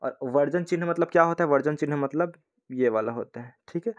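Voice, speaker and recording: A man's voice: fairly high pitch, a little fast, highs cut off. Hindi teacher quizzing his class. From India. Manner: asks the class questions and answers them himself, says "thik hai" often. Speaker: exam-prep teacher. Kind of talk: explaining test questions in a lesson.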